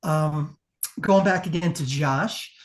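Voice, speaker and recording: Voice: mid-range voice, slow. A competition judge giving a casual panel critique in an emphatic, profane, conversational way.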